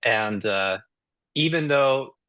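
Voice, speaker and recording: A man's voice: medium pitch, expressive, takes it slowly, pushed and bright, clear, resonant tone, dry recording. Dry, dull-sounding man explaining things. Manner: explanatory, thoughtful. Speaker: podcast guest. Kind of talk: casual movie chat.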